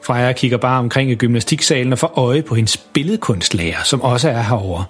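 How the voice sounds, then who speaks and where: A man narrating a children's bedtime story in a calm, even way. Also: medium pitch, slightly rough, faint music behind.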